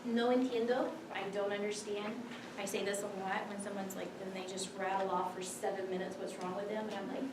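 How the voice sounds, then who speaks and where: A woman's voice: medium pitch, little pitch movement, brisk, hardly any pauses, far from the mic. A woman, a physician assistant, teaching a classroom lesson in a casual, chatty way, full of filler words. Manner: chatty, filler-heavy, many "like"s. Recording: echoey room from afar, background noise.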